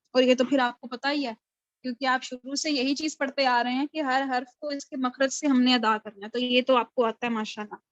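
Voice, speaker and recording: Woman, recitation teacher, patient questioning manner, high voice, dull lo-fi call sound. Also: fairly even intonation, no echo. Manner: patient, asks students questions and praises answers. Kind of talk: online class lesson. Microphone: video call.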